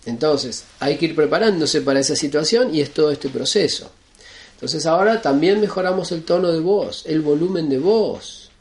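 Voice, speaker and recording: A man's voice: on the high side, vocal fry, a little mellow. A man giving an earnest spiritual lesson, listing points one by one and often checking in with his listeners. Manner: earnest and repetitive, listing points, often asks ¿está bien?. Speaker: spiritual teacher. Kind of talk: explanatory spiritual talk.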